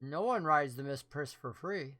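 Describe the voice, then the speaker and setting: A tiny female gnome tinkerer from a tabletop fantasy game, voiced by a woman. The voice is squeaky, pixie-like and bright, with a frank, friendly manner. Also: expressive, moderate pace. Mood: confiding.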